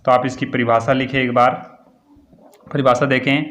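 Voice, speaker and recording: A man teaching a Hindi grammar lesson, dictating definitions slowly and repeating key words for students. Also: mid-range voice, little pitch movement, fairly bright tone. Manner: slow, repetitive dictation, word by word.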